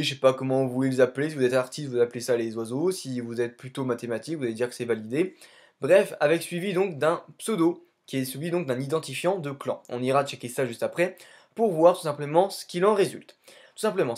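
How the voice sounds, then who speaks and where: A man's voice: mid-range voice, darkish tone. A young man from France giving casual, improvised gaming commentary as a YouTuber, rambling and repeating the same filler phrase. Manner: casual, rambling, keeps saying "tout simplement". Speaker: YouTuber investigating game clans.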